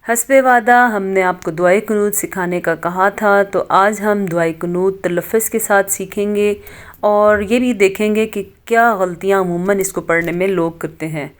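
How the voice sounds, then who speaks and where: A woman teaching a prayer word by word, reciting slowly and drawn out between quick spoken corrections. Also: mid-range voice.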